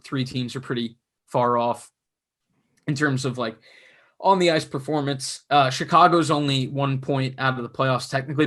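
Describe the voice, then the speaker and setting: A young man co-hosting a casual sports podcast, chatty and analytical, his voice going hoarse. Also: medium pitch, fairly bright tone. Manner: chatty, analytical, self-mocking. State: losing his voice. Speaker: podcast co-host.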